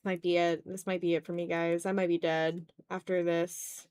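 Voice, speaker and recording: On a home art livestream, a woman in her twenties murmurs to herself as she draws, joking at her own expense and swearing casually. Her voice runs on the low side, level and darkish, at a moderate pace. It sounds clean, with no room sound.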